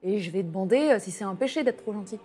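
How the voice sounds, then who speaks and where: A woman's voice: medium pitch, expressive, quick pace, dark tone, soft background music. A woman playing a tabletop game, talking casually in character with hesitant fillers. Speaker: player.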